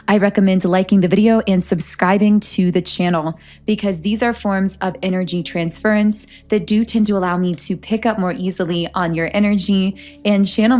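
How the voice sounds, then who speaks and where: A woman reading tarot for her channel, speaking in an earnest, flowing way with a medium-pitched voice. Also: darkish tone. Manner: earnest, flowing, self-aware of speaking fast. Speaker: tarot reader. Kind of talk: spiritual channeling monologue.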